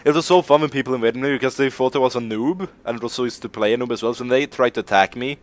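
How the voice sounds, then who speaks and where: A gaming streamer from Sweden talks very fast in a mid-range voice while playing a game on a live stream. His commentary is casual and rambling, full of self-mocking jokes and offhand swearing.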